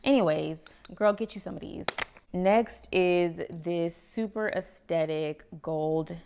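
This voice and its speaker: A woman's voice: on the low side, takes it slowly, creaky, background noise. A young woman chatting casually about home products in her kitchen, a bit out of breath, with a chatty manner full of "girl" and "y'all". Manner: chatty, says "y'all" and "girl", laughs often. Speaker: home vlogger.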